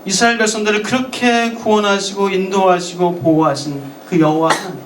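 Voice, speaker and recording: A man's voice: high-pitched, fairly even intonation, a little fast, background noise. A male pastor delivering a sermon to a congregation. He acts out quoted lines and keeps asking the congregation questions. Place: church sanctuary. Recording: echoey church, voice from a distance.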